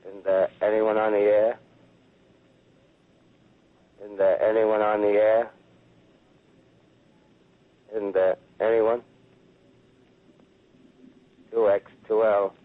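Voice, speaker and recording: A lone ham radio operator from a 1930s radio play who calls into the void at an unhurried, dragging pace. His voice comes through a tinny, phone-thin channel, like a mistuned ham radio full of static. It stays low and almost without melody. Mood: desolate. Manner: slow, flat, repeated call signs. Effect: distant, static-filled 1930s radio broadcast, like a mistuned ham radio. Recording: tinny old radio-drama broadcast.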